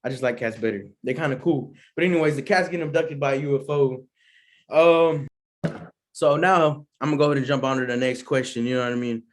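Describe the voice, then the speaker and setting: A man's voice: mid-range voice, fairly even intonation, fairly quick. A young man hosting a solo show, chatting casually as he answers questions, rambling and slangy with lots of asides. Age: young adult. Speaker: podcast host.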